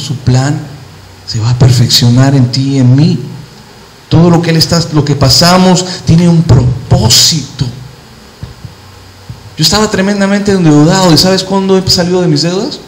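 A male pastor preaching a sermon, quoting scripture and telling personal stories, slowing down and speeding up as he goes. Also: fairly high pitch, slight background noise. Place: church hall. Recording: echoey church hall.

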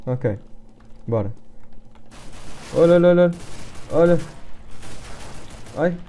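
Brief: young man, European Portuguese accent, gameplay commentary, warm dark tone, bursts of repeated words, gunfire behind. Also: on the high side, slow. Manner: excitable, repeats words in bursts, self-mocking. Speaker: gaming youtuber. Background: gunfire from the game.

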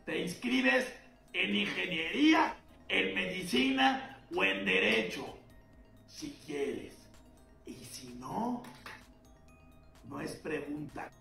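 Male clip voice. Slow, sharp-edged, commanding deadpan, echoey distant recording. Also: sits high, gravelly, faint music behind. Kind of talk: short social media clip. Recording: roomy distant clip played back.

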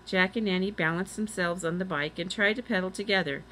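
A woman narrates a children's chapter book aloud in a steady, clear way. Her voice sits fairly low, with a faint noise in the background. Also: brisk, low-quality recording. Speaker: reader. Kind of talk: storybook read-aloud.

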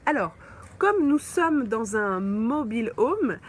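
A woman teaching French on a live stream, slowly answering viewers' comments with frequent pauses and fillers, from a holiday mobile home. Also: fairly high pitch, sing-song, slight background noise. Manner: slow, patient, thinks aloud with many fillers.

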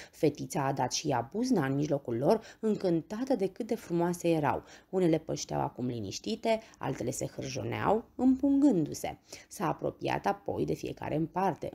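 A woman reads a bedtime story aloud, gentle and expressive. Her voice sits low, dark and husky, with a touch of gravel. The pitch moves up and down a lot as she tells it.

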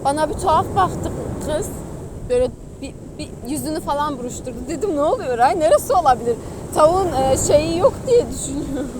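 A woman's voice: sits high, lively intonation, fast talker. A woman with a central Anatolian Turkish accent from Sivas, telling gossip casually and animatedly with folksy exclamations, outdoors by the sea. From Sivas, Turkey. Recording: loud wind, water and boat engine noise.

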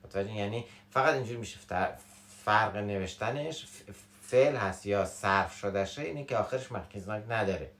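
A man's voice: lowish voice, reverberant. Playful Shirazi man teaching casually. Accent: Shirazi Persian. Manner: playful, acts out everyday examples, swings between animated and quiet. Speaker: Russian language teacher. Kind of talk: casual spoken lesson.

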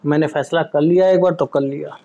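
Calm, teasing man in a home vlog. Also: on the high side, a little fast, vocal fry. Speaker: vlogger husband pulling a prank. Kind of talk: casual home vlog talk. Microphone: camera set up in front.

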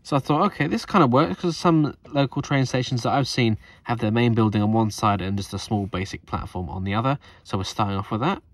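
A man's voice: medium pitch, a little fast, few pauses, no room sound. Chatty man, dry close sound. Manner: chatty, upbeat, thinking aloud. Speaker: Lego builder and channel host. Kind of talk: casual narration over build footage.

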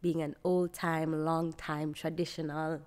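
A young adult actress with a Jamaican accent tells stories casually as a podcast guest, animatedly acting out quoted dialogue. Her voice sits low, smooth and a little slow, caught on a close podcast mic on a boom arm while she sits on a sofa in an open, bright living room.

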